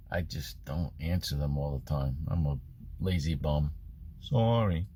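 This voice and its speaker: A man's voice: mid-range voice, noisy background. A man chatting casually to his viewers as a drone hobby vlogger, rambling and self-deprecating. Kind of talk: casual vlog chat to viewers.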